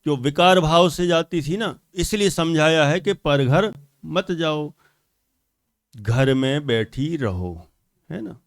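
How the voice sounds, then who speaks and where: A man with a Hindi accent teaching scripture in a slow, unhurried lecture. His voice is smooth and resonant and sits a little high, and the recording is dry and close. He keeps asking rhetorical questions and repeating his key phrases. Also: lively intonation, dry recording. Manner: explains slowly with rhetorical questions and repetitions.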